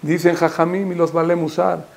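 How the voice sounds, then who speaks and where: A man's voice: fairly high pitch, level tone, normal speed, creaky, a little mellow. A man, a rabbi giving a Torah sermon, emphatic and rising to impassioned repeated calls, with Hebrew terms mixed in. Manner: peppers speech with Hebrew terms.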